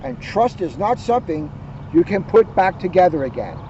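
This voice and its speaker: An earnest, motherly storybook mama bear read by a man, gently firm with her cubs and pitched on the high side. The recording is muffled, with some outdoor noise behind. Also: big pitch swings, moderate pace. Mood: hurt, solemn. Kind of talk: children's book read-aloud.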